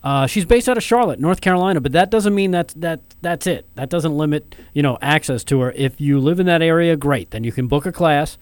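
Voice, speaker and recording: A man hosting an interview, relaxed and affirming, sometimes repeating his words as he asks questions. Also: fairly high pitch, a little fast, hardly any pauses, dry recording. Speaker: interview host. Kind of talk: talk show interview.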